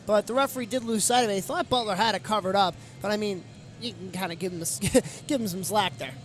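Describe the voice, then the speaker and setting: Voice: mid-range voice, fast talker, slight background noise. A color commentator giving chatty, explanatory analysis in a conversational style during a live hockey game.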